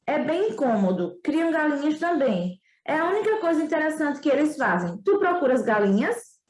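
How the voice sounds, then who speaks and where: Lady doing a wise patient storybook fox, calm explaining, northeastern brazilian accent, echoey room. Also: sits high, normal speed, voice pushed up.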